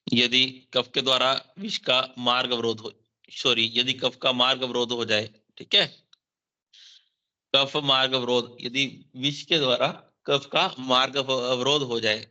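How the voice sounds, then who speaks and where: Bright-voiced man teaching exam verses. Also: medium pitch, little pitch movement, unhurried, long pauses. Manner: explains Sanskrit verses line by line, repeats key terms; mixes in English terms, frequent "theek hai" check-ins. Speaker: Ayurveda teacher. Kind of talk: exam-focused lecture. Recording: dull lo-fi sound.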